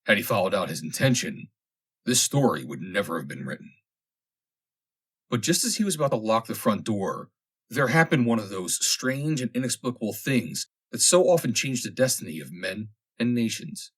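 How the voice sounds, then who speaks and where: With deliberate phrasing and theatrical stress on key words, a male audiobook narrator recounts a funny vintage story. His voice is fairly low and husky, with lively swings in pitch.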